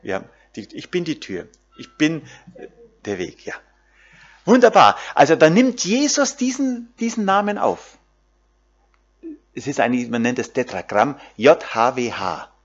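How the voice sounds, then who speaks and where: A man's voice: mid-range voice, wildly swooping pitch, unhurried, dull audio. A man preaching a sermon, addressing the congregation directly with frequent fillers and tag questions.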